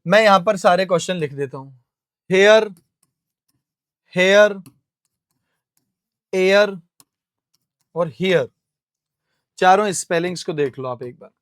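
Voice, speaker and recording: A young man with an Indian accent teaching an English vocabulary lesson, explaining each answer step by step, asking and answering his own questions and spelling words out slowly letter by letter. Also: high-pitched, a bit bright, no room sound, studio quality.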